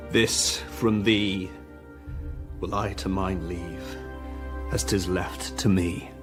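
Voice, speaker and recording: An actor playing a solemn, resolute young prince in a classical Shakespearean radio drama. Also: male voice, deep voice, fairly even intonation, slow pace. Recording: radio drama with clear music behind.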